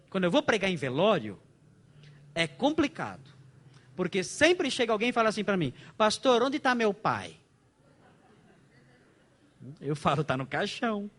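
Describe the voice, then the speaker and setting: Middle-aged Brazilian pastor, high and lively voice, joking sermon style. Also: male voice. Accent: Brazilian Portuguese. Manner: animated and joking, with frequent rhetorical questions. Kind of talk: conference sermon lecture. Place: church conference hall.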